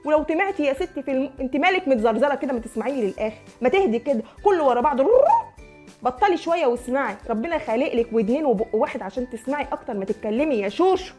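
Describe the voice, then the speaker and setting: A young Egyptian-accented woman who creates comedy sketches performs a comic, one-sided phone-style scene, pushily coaxing a neighbor round. Her voice is high, a little mellow, and racing, with lively intonation over soft background music.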